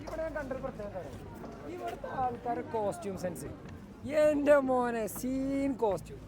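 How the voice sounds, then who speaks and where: High-pitched Malayali man mixing in English. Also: sing-song, fairly quick, crowd noise. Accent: Malayali, Kerala. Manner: mixes English words into Malayalam. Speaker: travel vlogger. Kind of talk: casual travel vlog narration. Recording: clear outdoor street and vehicle noise.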